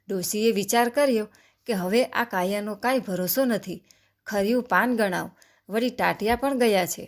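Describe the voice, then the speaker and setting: A woman tells a devotional tale at a steady, mid-pitched level. She reads the characters' dialogue with feeling. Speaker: narrator. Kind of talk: devotional story narration.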